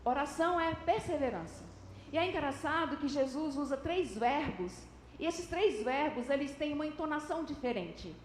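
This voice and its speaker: Woman, preacher, sermon, high voice, explanatory, echoey church hall. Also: animated, normal speed, noisy background. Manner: explanatory, acts out everyday examples with shifting intonation.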